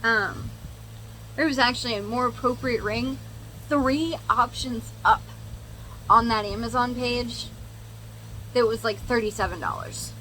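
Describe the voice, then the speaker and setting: A woman's voice: a little high, unhurried, long pauses, pushed and bright, slight background noise, poor audio. A young woman chatting casually to viewers and telling a story as she does her makeup, candid and sweary with sarcastic asides. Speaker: makeup vlogger.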